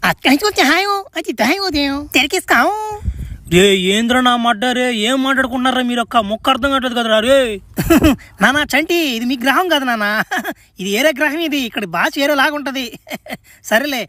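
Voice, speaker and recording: Very high-voiced man in slangy comedy banter. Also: brisk, sharp tone. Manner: crude slangy banter with frequent laughs. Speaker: comedy sketch performer. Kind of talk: comic dialect sketch.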